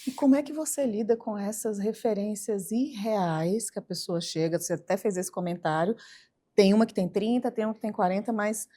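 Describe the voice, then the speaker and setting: A Brazilian woman hosts an interview and prompts her guest with curious questions. Her voice sits at an ordinary middle pitch. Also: brisk, dark tone. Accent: Brazilian Portuguese. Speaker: host.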